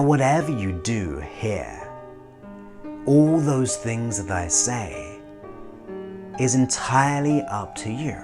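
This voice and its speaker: A man leading a guided hypnosis as a slow, soothing countdown, pausing between short phrases. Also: on the low side. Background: music.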